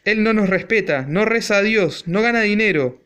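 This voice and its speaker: Casting: a man playing a miserly old father in a rage, shrill, yelling, storybook reading. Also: very animated, a little slow, heavily acted. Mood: furioso. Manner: shrill furious shouting. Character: furious stingy old father, shouting.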